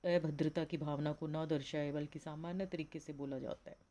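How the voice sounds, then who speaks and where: Indian lady teacher, lowish mellow voice, drags out example sentences slow. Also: steady tone. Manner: explains slowly, reads example sentences in drawn-out English. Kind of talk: classroom lecture.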